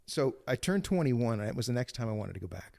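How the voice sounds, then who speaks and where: A man's voice: mid-range voice, very animated, fast, vocal fry, a little mellow. Rambling man in his fifties, storytelling. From born in Greece, raised in Cincinnati. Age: 50s. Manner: rambling, many restarts and fillers. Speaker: podcast guest. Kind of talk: casual storytelling interview.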